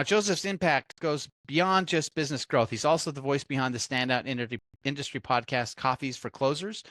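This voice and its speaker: A man hosting a business podcast, introducing his guest and asking questions in an upbeat, animated way. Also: a little high, dry recording. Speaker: podcast host. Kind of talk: interview hosting.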